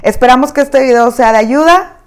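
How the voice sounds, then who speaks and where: A woman's voice: sits high, brisk, clean tone. Mexican woman teaching an online lesson. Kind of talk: recorded online lesson narration.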